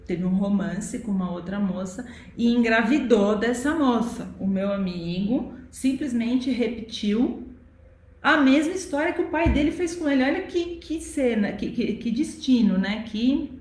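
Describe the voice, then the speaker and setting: A woman's voice: fairly high pitch, lively intonation, normal speed, darkish tone, a little hiss or hum. A woman with a Brazilian Portuguese accent giving a spiritist lecture, telling a story conversationally and repeating phrases for emphasis. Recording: roomy echo.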